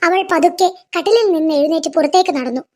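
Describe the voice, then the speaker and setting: A woman narrating a family moral story in a scripted, even storytelling manner. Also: extremely high pitch, quick pace.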